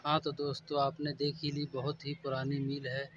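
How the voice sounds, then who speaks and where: A man's voice: medium pitch, monotone, normal speed, muffled recording. A man in his thirties with an Uttar Pradesh Hindi accent, filming a casual phone vlog outdoors and repeatedly addressing viewers as friends. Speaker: vlogger. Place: outdoors by sugarcane fields and a factory yard. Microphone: phone selfie at arm's length. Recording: noisy outdoor phone recording.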